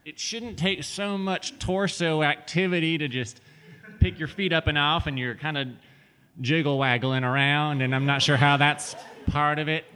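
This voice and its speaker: A man's voice: on the high side, fairly even intonation, normal speed, bright, forceful tone. Man playing a fussy folksy sheriff. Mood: stern. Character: folksy small-town sheriff, prim and bossy. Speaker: improv performer.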